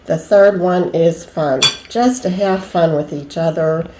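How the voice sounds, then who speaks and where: A woman's voice: fairly low pitch, a little slow, roomy sound, background noise. A middle-aged woman vlogger chatting at home in a folksy, homey way about entertaining. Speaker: lifestyle vlogger. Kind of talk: casual home chat.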